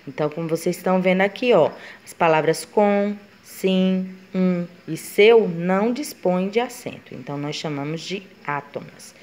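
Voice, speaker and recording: A woman's voice: fairly low pitch, moderate pace, few pauses, a little mellow. A woman teacher gives a grammar lesson, explaining step by step and voicing her students' questions.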